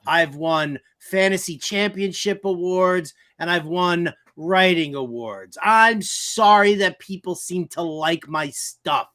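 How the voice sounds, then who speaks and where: A man co-hosting a sports betting show, joking and self-mocking in casual chat before giving his picks. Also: high voice. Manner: animated, self-mocking, quick to joke and laugh. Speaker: co-host, betting analyst.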